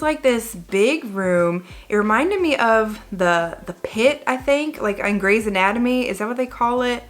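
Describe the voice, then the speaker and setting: A woman's voice: medium pitch, fairly bright tone. A woman telling a personal story to viewers in a casual, rambling way, often saying "like" and correcting herself. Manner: rambling, conversational, frequent "like" and self-corrections. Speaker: vlogger.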